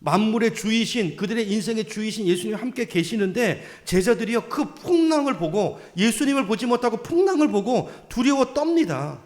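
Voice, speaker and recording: A man's voice: sits high, expressive, a little fast, hardly any pauses, a little mellow. A male pastor preaching a sermon, pressing the congregation with repeated questions and emphatic calls to faith. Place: church sanctuary. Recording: long church hall reverb.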